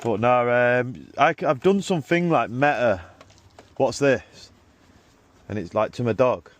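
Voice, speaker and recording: A man's voice: medium pitch, lively intonation, a little slow. Matey, slangy man chatting while working. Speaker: car detailer filming and instructing a young helper. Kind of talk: casual chat while working. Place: in and around a vehicle being cleaned. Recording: background noise from vehicle work.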